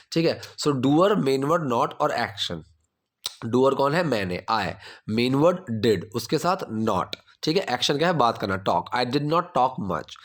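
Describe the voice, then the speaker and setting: A man teaching English grammar in Hindi, explaining step by step and saying the English example sentences slowly. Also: medium pitch. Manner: explains step by step, checks with "theek hai?".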